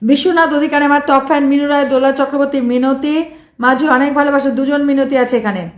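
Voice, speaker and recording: A hoarse woman live streaming, reeling off viewer names with quick thanks in casual chat. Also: high voice, steady tone, echoey room. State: hoarse from shouting.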